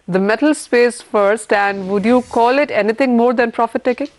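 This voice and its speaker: A woman's voice: on the high side, normal speed. Woman business anchor pressing questions. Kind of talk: live news interviewing. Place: TV news studio.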